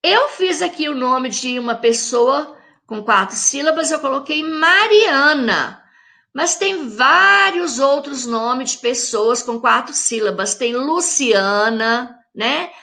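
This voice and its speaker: A Brazilian woman teacher with a Brazilian Portuguese accent, giving a lesson to young pupils and stretching each example word out slowly. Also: high-pitched, expressive, bright, forceful tone. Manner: slow, drawn-out syllables when saying example words; addresses young pupils directly, friendly teacher tone. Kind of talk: recorded classroom lesson for children.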